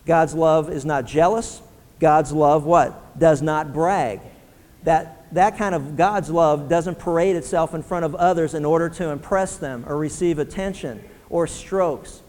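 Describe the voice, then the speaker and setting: Preaching man with a high voice in a reverberant hall. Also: a little slow. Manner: conversational preaching, shifting between soft prayerful tones and emphatic points. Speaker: pastor. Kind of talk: sermon.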